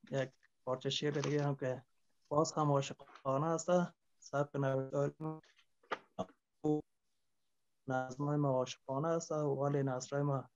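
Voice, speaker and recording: A fairly high-voiced man recites his love poem slowly and with passion, repeating each line. The audio is dull and lo-fi, like an online call. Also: a little mellow. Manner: slow, impassioned declamation with repeated lines. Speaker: poet. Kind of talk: declaiming poetry.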